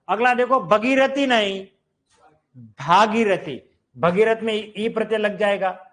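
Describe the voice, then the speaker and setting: High-voiced slow-speaking Hindi teacher. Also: male voice, a bit bright. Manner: explains slowly, repeats words, checks with 'clear?'. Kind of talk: classroom lesson on correct spelling.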